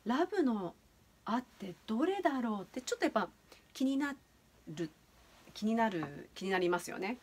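A woman's voice: a little high, very animated, moderate pace, breathy edge. A woman teaching English pronunciation in a casual video lesson, chatty and explaining step by step with many fillers.

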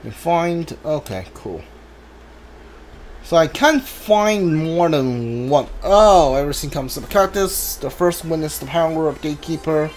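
Over video game music, a man streams a blind playthrough, thinking aloud in casual, off-the-cuff remarks. He sounds a little high and animated, speaks unhurriedly, and there's a faint hiss or hum on the audio.

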